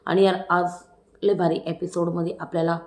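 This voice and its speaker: A woman's voice: fairly low pitch, flat delivery, moderate pace, darkish tone. Chatty woman reviewing an episode. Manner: chatty, acts out quotes, frequent tag questions. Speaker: reality show reviewer. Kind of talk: casual episode review vlog. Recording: echoey room.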